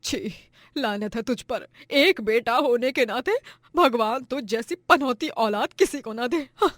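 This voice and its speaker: A woman voicing an elderly, devoted mother-in-law in an animated story, pleading and stammering in panic. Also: on the high side, unhurried, dry recording, studio quality. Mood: scornful. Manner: pleading, stammering when frightened.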